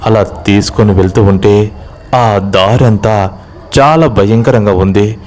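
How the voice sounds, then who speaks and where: A man narrating a village horror story in a steady, measured way. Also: on the low side.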